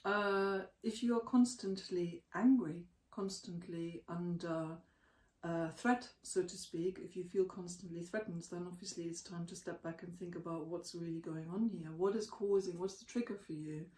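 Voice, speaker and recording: A co-host on a relationship podcast speaks in a measured way, with plenty of ums and uhs. The voice sits at a middling pitch. It sounds roomy and set back from the microphone. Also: steady tone, darkish tone, recorded from a distance. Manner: measured, explanatory, with many filler sounds. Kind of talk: conversational podcast discussion. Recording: echoey room, away from the mic.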